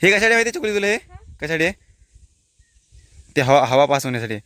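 A man's voice: fairly high pitch, sing-song, fast talker, pushed and bright, no room sound. A man from the Konkan region with a Konkani-inflected Marathi accent, chatting casually into a handheld phone as he vlogs outdoors and explains local words to viewers. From Konkan, India. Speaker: vlogger. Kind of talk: casual vlog, walking commentary. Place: outdoors on a hilltop by a water tank.

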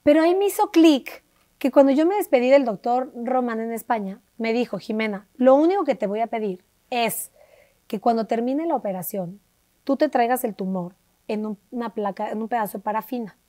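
Animated Mexican woman telling a story. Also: a little high, a little fast, no echo. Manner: animated, acts out quoted dialogue with shifting voices. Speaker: interview guest. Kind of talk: conversational storytelling.

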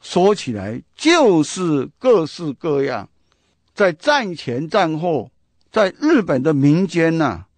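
A man's voice: on the high side, sing-song, slow pace, no echo. A man with a Taiwanese Mandarin accent, hosting a radio book talk, chatty and full of rhetorical questions and storytelling. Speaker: radio host.

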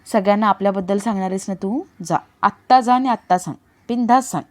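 A woman reading a young man's lines in a serial recap, earnest and urging calm. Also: medium pitch, fast, close to an everyday voice. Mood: defiant. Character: young man pleading, then coldly denying love. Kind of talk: dramatic read-aloud of serial dialogue.

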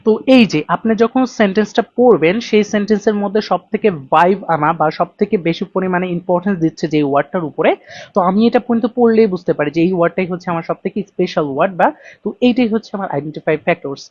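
A man teaching an IELTS reading lesson step by step, asking and answering his own questions, with slow, careful readings of English example sentences. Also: high-pitched, darkish tone, dry recording, dull audio. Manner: reads English sentences slowly and deliberately. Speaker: IELTS tutor. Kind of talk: screen-recorded exam lesson.

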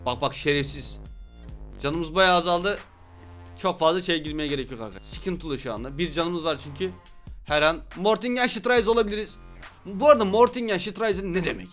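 A young man with a high, bright voice calls his game as he plays it, loud and full of jokes, cursing at his rivals. Faint game music runs under his voice. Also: animated, brisk. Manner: loud, joking, swears at opponents. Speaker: gaming YouTuber. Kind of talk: excited gameplay commentary.

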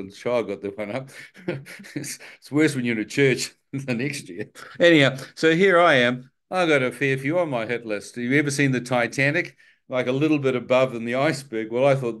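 Man giving an animated testimony sermon. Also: mid-range voice. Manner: animated storyteller who acts out his own thoughts and prayers; wry, joking asides. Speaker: speaker telling his testimony to a church audience.

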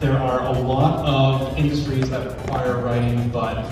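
Man, medium pitch, formal measured panel introduction, strong room echo. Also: flat delivery, music in the background. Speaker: panel moderator. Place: large convention panel room. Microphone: far camera in audience. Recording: echoey hall PA from far off.

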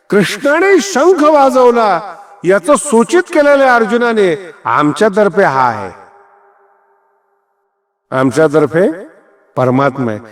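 A kirtan preacher with a fairly high male voice gives a devotional discourse, drifting into stories and acting out little bits of dialogue. He's animated, his pitch swinging widely up and down, and he breaks into chuckles. A long reverb rings around him, as though he's in a big hall.

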